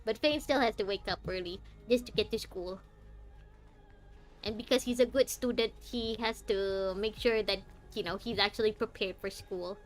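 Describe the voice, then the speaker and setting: A young woman streaming a game, chatting to viewers with lots of laughter and excited reactions. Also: mid-range voice, moderate pace. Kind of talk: live gameplay commentary.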